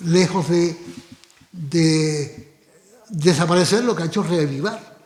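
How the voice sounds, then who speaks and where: A man's voice: a little high, slow, darkish tone. A man with a Canarian Spanish accent presenting his book, explaining at length with frequent restarts and asides. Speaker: book author. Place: cultural centre hall. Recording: echoey hall recording.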